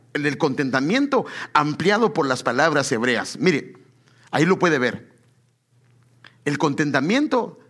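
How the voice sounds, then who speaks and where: A male preacher delivering a sermon in a somewhat high, husky voice. He talks straight to his listeners as brothers, throws them rhetorical questions and stretches out the words he wants to land. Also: fairly bright tone. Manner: stretches key words slowly for emphasis.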